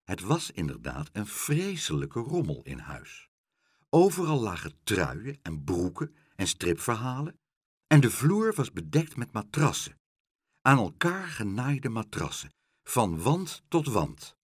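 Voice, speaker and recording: A man reading a children's book aloud with very expressive storytelling and a slightly husky voice. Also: fairly low pitch, no room sound, studio quality.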